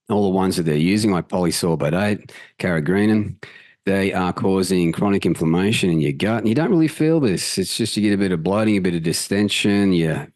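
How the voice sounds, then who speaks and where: A man presenting a health talk over slides in an energetic, casual way, with the odd swear word. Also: low-pitched, no room sound. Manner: energetic, swears casually, mimics inner voices. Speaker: health channel host.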